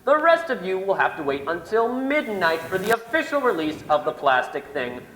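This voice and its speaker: An actor playing a formal store announcer, heard over a store loudspeaker in a radio drama. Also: medium pitch, very animated, moderate pace, a little hiss or hum. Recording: echoey loudspeaker sound.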